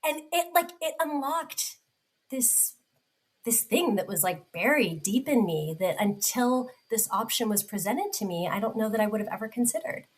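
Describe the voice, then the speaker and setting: A woman's voice: a little high, expressive, moderate pace, low-quality recording. A woman in her forties, a podcast guest, telling a personal story in a heartfelt way with many restarts. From United States. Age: 40s.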